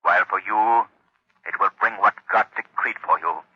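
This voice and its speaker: The Shadow, a husky, menacing avenger. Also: male voice, lowish voice, bright, forceful tone, exaggerated voice. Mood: stern condemnation. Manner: slow, theatrical, domineering pronouncements. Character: menacing, unseen male avenger passing judgment on the guilty. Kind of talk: 1930s radio drama acting. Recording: dull, lo-fi 1930s radio recording.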